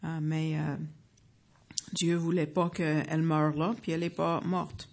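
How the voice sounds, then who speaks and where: An American woman in her fifties gives a personal faith testimony before an audience, speaking earnestly but haltingly with many fillers and restarts. Her voice is low, level in tone, and a little mellow.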